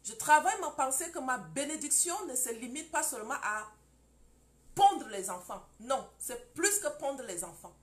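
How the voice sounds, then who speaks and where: A woman teaching a preaching-style lesson, emphatic and animated, acting out scenes. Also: sits high, normal speed. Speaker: founder of a marriage school for women.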